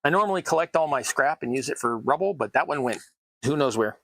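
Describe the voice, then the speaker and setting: Here the American terrain builder talks fast with lively intonation, his mid-range voice fairly bright and free of room sound. He rambles casually and self-deprecatingly to his stream viewers as cutting noises come from the worktable.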